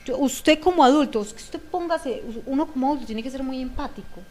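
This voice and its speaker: Colombian woman guest, earnest parenting talk, fairly high voice, faint background hiss. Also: a little fast, darkish tone. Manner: earnest, acts out parents' and children's lines. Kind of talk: talk-show discussion.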